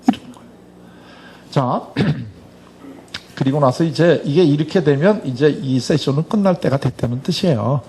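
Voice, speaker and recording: A middle-aged man speaking at a church Bible school tells a story in a church talk, animatedly acting out the quoted dialogue as he goes. His voice is mid-range and gravelly, with slight background noise.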